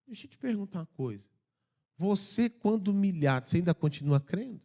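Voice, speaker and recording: Brief: Brazilian pastor, high-pitched, fiery sermon delivery that drops to quiet asides. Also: male voice, expressive, fairly quick, creaky. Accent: Brazilian Portuguese. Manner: impassioned preaching, swinging from loud urging to hushed asides. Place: church.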